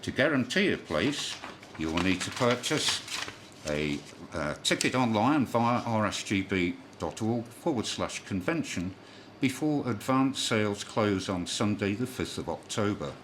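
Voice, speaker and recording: The newsreader here has a fairly low, expressive voice and keeps a measured pace through a scripted amateur radio news bulletin. He spells out callsigns with the phonetic alphabet and slips once in a while, over a clearly noisy shortwave radio broadcast.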